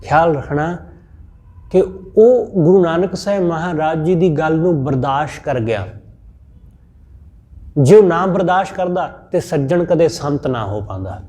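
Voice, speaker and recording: Man giving a measured Punjabi sermon. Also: a little high, lively intonation, mellow. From India. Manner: measured, repetitive teaching with rhetorical examples. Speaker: Sikh scripture preacher. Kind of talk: sermon-style scripture exposition.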